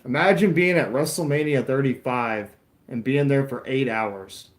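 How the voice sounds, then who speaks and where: A man's voice: mid-range voice, moderate pace, reverberant. Rambling young man chatting to his stream. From Florida. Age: 20s. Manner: rambling, chatty, answers live chat, self-mocking. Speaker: YouTuber streaming a wrestling watch-along. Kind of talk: casual live-stream chat.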